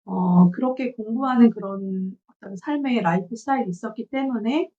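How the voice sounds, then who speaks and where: A woman in her forties giving a measured, reflective book review from her notes, pausing often on filler sounds. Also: on the high side, mellow. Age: 40s. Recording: dull lo-fi recording.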